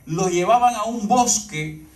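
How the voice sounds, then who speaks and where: A man's voice: high voice, unhurried. Cuban male pastor, earnest sermon delivery, recorded from afar in a reverberant room. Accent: Cuban Spanish. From Cuba. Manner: earnest, storytelling, drops to a hushed tone for emphasis. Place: church sanctuary. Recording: roomy church sound from a distant mic.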